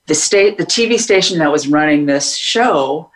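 A woman's voice: low-pitched, animated, moderate pace, poor audio. A woman singer being interviewed, telling stories in a rambling way with many restarts and laughs. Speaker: singer guest. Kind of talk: casual interview storytelling.

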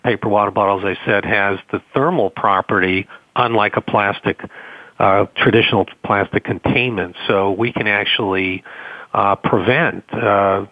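A man with a Boston accent, a company guest answering interview questions in a measured, explanatory way with fillers. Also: fairly low pitch, no room sound, narrow, tinny audio.

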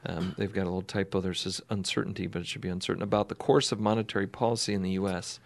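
A man's voice: deep voice, level tone, rapid-fire, vocal fry. A man hosting an investing radio show, chatting casually, rambling and laughing as he reads articles aloud.

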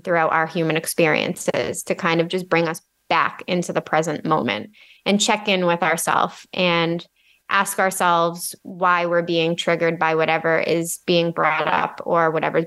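A woman's voice: on the low side, a bit bright. A woman co-hosting a podcast, talking conversationally in a reflective, earnest way as she explains things. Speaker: podcast co-host.

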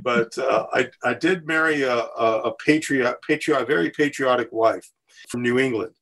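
Older man speaking in measured, repeating phrases. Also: mid-range voice, fairly bright tone. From US West Coast. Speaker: podcast guest. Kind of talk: conversational interview.

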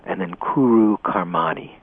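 A man leading a guided meditation in a slow, gentle, soothing way, heard over a narrow radio broadcast. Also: lowish voice, animated, creaky, breathy edge. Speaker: meditation teacher.

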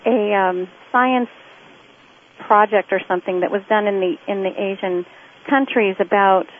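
A woman's voice: mid-range voice, steady tone, moderate pace, a little hiss or hum. A woman calling into a radio show, rambling and searching for words as she asks her question. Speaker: caller. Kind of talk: phone-in question. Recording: tinny phone line.

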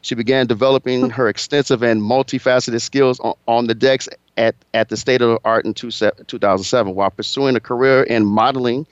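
A man's voice: mid-range voice, fairly even intonation, a little fast, hardly any pauses, clear, resonant tone, no room sound, dull audio. A man hosting a radio interview show, chatting casually and often stumbling over and repeating his words. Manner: stammering, repeats words when flustered.

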